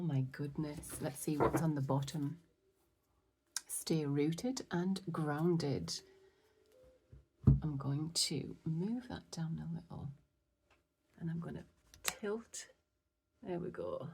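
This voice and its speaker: A woman giving a casual tarot reading, chatty and excitable, often dropping into soft whispers. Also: low-pitched, measured pace, vocal fry, pauses often, a little hiss or hum. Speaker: tarot reader.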